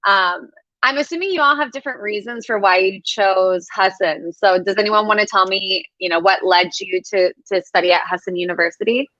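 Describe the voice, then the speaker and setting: Bubbly bright-voiced woman hosting a stream. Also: medium pitch, brisk, dry recording, muffled recording. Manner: enthusiastic, chatty with fillers. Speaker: host of a student live stream. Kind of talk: upbeat casual hosting. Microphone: video call.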